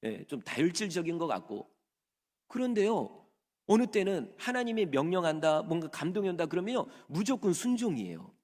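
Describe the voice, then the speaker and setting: A man's voice: high-pitched, moderate pace. A male pastor preaching a Sunday sermon in a church sanctuary, acting out the voices of the people in the story he tells. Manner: lively preaching, acts out servants' voices in quotes. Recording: long hall reverb.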